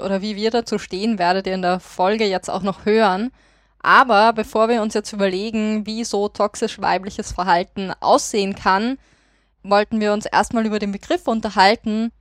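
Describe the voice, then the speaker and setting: A woman's voice: mid-range voice, no room sound, studio quality. A woman of twenty-nine from Austria co-hosting a podcast, moderating in a friendly way and putting questions to the others. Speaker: podcast co-host. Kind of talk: podcast discussion.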